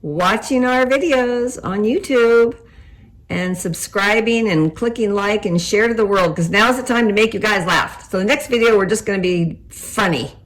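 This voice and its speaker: An older woman co-hosting a casual chat, telling animated stories and laughing often. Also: mid-range voice, moderate pace, rough recording. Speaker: co-host.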